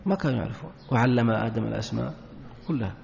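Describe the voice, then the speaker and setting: A man teaching a religious lesson who reads narrator chains quickly, then slows down and rises for emphasis. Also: mid-range voice, gravelly, a little mellow, a little hiss or hum. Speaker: Islamic teacher. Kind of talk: religious lesson reading and explaining a classical text. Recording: echoey hall, dull lo-fi sound.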